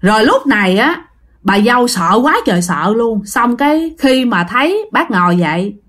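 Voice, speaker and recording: A woman with a Southern Vietnamese accent tells a ghost story to her listeners in a chatty way, often speaking to them directly. Her voice sits a little high and moves around a lot in pitch. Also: very animated, moderate pace, a bit bright.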